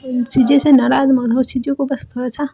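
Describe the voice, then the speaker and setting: A woman's voice: sits high, level tone, normal speed, creaky, warm tone, slightly rough, faint music behind, heavily acted. A woman voicing an affectionate young elder sister who teases and coaxes her brother in a storybook retelling. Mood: teasing. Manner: teasing and coaxing.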